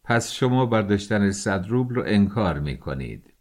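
A man voicing a cold, self-assured gentleman who accuses and lectures in a calm, measured way. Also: fairly low pitch.

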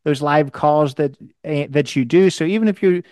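Rambling male podcast host, smooth voice. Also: on the high side, moderate pace, darkish tone, no echo. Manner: rambling, with many restarts. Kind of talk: casual interview chat.

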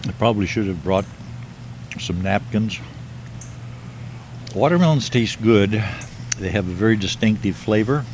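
An older man slowly musing in a plain, matter-of-fact way while filming himself outdoors. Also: on the low side, a little mellow. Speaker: video maker. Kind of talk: rambling self-filmed monologue. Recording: noisy outdoor video clip.

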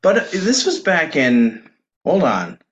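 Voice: medium pitch, wildly swooping pitch, takes it slowly, highs cut off, a little hiss or hum. A podcast co-host in casual discussion, reflective and dryly sarcastic, with many fillers.

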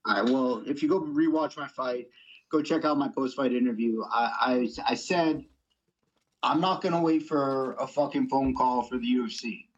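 Blunt, profane young fighter. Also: male voice, medium pitch, normal speed, muffled recording. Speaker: MMA fighter guest. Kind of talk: casual interview.

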